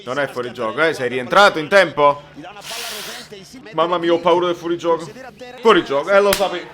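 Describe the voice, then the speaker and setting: A man reacting live to a football match as a fan, emotional and exclamatory, with swearing and bursts of shouting. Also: a little high, brisk.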